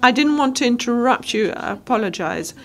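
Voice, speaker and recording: A woman's voice: on the high side, lively intonation, a bit bright. Woman interpreting a lecture phrase by phrase. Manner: halting, phrase by phrase, self-correcting. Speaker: simultaneous interpreter.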